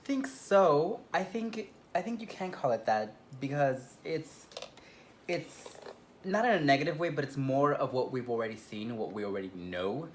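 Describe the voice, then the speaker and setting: A man with a medium-pitched voice gives his take as a review co-host. He talks casually and conversationally, with some ambient noise behind him. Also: animated, normal speed.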